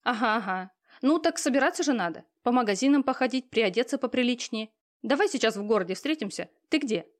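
A woman reading a brisk, pushy mother. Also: a little high, expressive, pitched above the performer's own voice, close to an everyday voice. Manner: curt, pushy, businesslike. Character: brisk busy middle-aged mother on the phone. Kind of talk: audiobook character reading.

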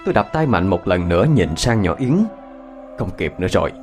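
A man's voice: low voice, big pitch swings, a little fast, faint music behind. Suspenseful male ghost-story narrator. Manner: dramatic, suspenseful reading.

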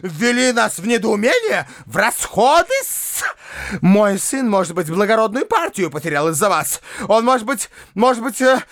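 A man voicing a furious, shrill middle-aged gentlewoman in an audiobook, screeching a scolding tirade of accusations. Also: animated, a little fast, few pauses, no echo, clean studio sound, close to an everyday voice. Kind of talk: audiobook character voice.

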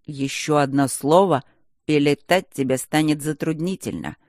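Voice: medium pitch, moderate pace, darkish tone, dry recording, studio quality, pitched below the performer's own voice, close to an everyday voice. A narrator voicing a stern, commanding male academy rector in a fantasy audiobook, speaking curtly. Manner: stern, curt. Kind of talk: audiobook character voice.

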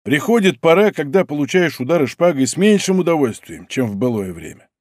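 Brief: a man reading a big, blunt old musketeer baron, hearty and booming, with a lively swing in his tone, for an audiobook. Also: brisk, dry recording, clean studio sound. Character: boastful burly old male musketeer baron.

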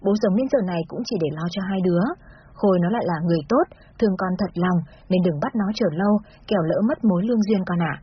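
A woman's voice: mid-range voice, very fast, dull audio, slight background noise, natural voice. A woman voicing an aging father who speaks tenderly and soothingly in a story reading. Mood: consoling. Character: gentle aging father, consoling and soft-spoken.

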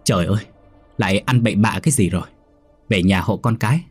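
A man's voice: low-pitched, a little fast, husky, soft background music. A man voicing a worried middle-aged son in a spoken horror story, urging his mother home. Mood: urgent, pleading. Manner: urgent and pleading.

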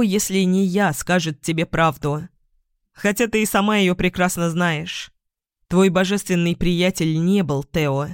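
A woman doing a calm earnest young man. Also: lowish voice, smooth, no echo, clean studio sound, natural voice. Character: steady young man, calm and loyal friend.

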